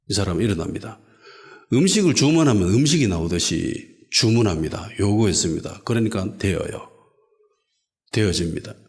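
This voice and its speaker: A man preaching a sermon as pastor, asking the congregation rhetorical questions and swinging between loud calls and quiet asides. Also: on the low side, creaky. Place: church sanctuary.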